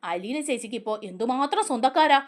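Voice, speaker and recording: A woman's voice: fairly high pitch, animated, fast, lightly acted. A woman reading the lines of a teasing, orphaned young woman in a told story, in a chatty way. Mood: wistful. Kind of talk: storytelling dialogue.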